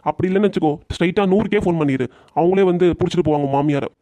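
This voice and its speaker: High, rapid voice, stern cartoon dad who scolds a lot played by a man. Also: mellow, no room sound, natural voice. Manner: scolding, quick-fire. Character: stern middle-aged family father, scolding. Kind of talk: cartoon comedy voice acting.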